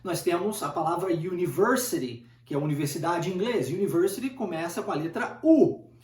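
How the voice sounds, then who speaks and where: A man's voice: sits high, animated, a little fast. A man giving an informal English lesson, talking conversationally, repeating points and checking in with rhetorical questions. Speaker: English teacher. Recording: roomy, distant from the mic.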